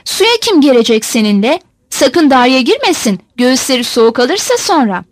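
A woman's voice: sits high, big pitch swings, moderate pace, no echo. Grumbling pious old mother, as a woman reader voices her. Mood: scolding grumble. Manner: scolding, fretful, pleading to heaven.

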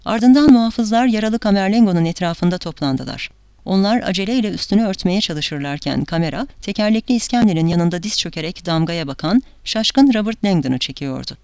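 A woman's voice: medium pitch, expressive, brisk, a little mellow, no echo. Woman narrating an audiobook, dry sound.

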